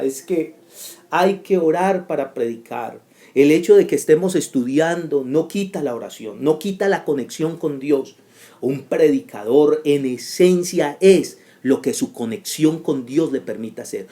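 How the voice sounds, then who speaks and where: A man's voice: fairly high pitch, warm tone. A man teaching a class for preachers in a sermon style, with an emphatic, repetitive cadence and sudden rising bursts.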